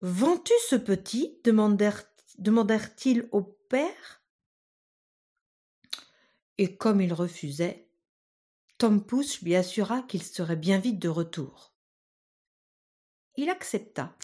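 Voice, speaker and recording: Storyteller, woman, unhurried and husky, reading a children's tale. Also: medium pitch. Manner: slow, calm, measured storytelling. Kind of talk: fairy tale read aloud.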